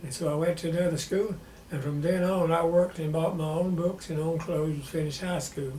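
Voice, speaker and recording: Male, 90s, Southern US. Old veteran reminiscing, plain and halting, higher-pitched, in an echoey room. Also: fairly even intonation, darkish tone. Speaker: war veteran being interviewed. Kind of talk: personal reminiscence in an interview. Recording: roomy echo with faint background noise.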